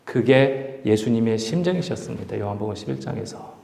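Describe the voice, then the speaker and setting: A man's voice: on the low side, lively intonation, a little fast, gravelly, warm tone, a little hiss or hum. A man preaching a Bible study sermon, impassioned, acting out quoted speech with rising emphasis. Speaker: pastor. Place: church hall. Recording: echoey hall with long reverb.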